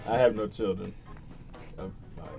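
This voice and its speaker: A man's voice: on the low side, steady tone, moderate pace, gravelly, dark tone, faint music behind. A man chatting casually with friends, playful and laughing often. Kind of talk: casual chat among friends.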